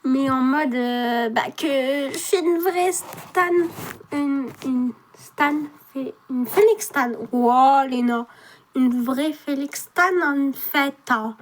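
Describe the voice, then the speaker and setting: High-voiced chatty woman vlogger. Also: slow pace, a little hiss or hum. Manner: chatty fan, trails off and restarts. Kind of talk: casual unboxing chat.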